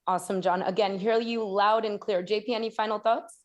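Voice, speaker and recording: Brisk, upbeat woman moderating. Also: medium pitch, fairly even intonation, lo-fi sound. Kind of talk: live panel moderation.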